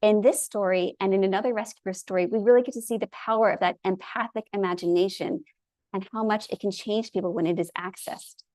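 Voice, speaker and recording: An earnest woman presents a storytelling lecture in a voice of middling pitch. She speaks with open enthusiasm, and her recording sounds close and dry, with no room echo. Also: steady tone, brisk, darkish tone.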